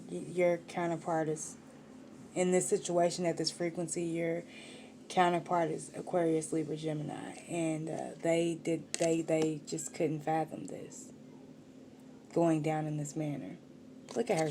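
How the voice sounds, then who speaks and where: A woman's voice: fairly low pitch, darkish tone, slight background noise. Slangy, swearing woman reading tarot. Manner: slangy and profane, talks to the viewer directly. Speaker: tarot reader. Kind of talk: casual spiritual tarot reading.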